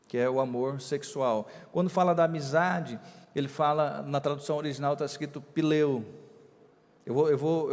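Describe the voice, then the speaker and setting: A man, a bishop preaching a sermon with emphatic, drawn-out stresses on key words. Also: a little high, a little mellow, long reverb tail.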